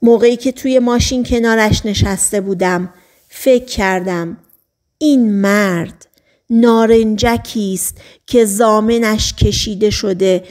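A woman's voice: mid-range voice, a little mellow. Woman reading a novel aloud. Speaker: audiobook narrator. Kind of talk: scripted narration.

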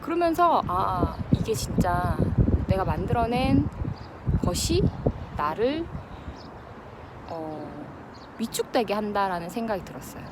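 A woman's voice: mid-range voice, sing-song, measured pace, long pauses. A woman in her thirties talks casually and reflectively to her vlog audience while running outdoors, breathing with some effort between phrases. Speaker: vlogger. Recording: noisy outdoor ambience with wind or traffic.

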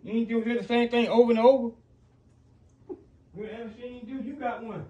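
A man's voice: very high-pitched, fairly even intonation, moderate pace. A man with a Southern Alabama accent arguing casually with family, combative, profane and repeating himself. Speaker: grandson. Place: living room at home. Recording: dull, roomy, distant phone recording, faint noise.

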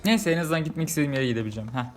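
A man's voice: fairly high pitch, rapid-fire, soft background music. Frustrated man narrating his gameplay. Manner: frustrated, repeats himself, jokey complaints. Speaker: gaming YouTuber. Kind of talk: casual let's-play commentary.

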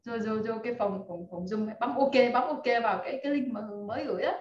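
A woman's voice: fairly high pitch, quick pace, a little mellow. A woman teaching a live online class over a video call, rallying her students with lots of fillers. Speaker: online course instructor. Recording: echoey, dull video-call audio.

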